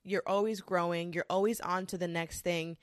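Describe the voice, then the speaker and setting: A woman's voice: lowish voice, fairly even intonation, no room sound, studio quality. Candid, cussing woman in her twenties. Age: 20s. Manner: candid and profane, with frequent restarts and quick bursts. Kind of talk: casual confessional monologue.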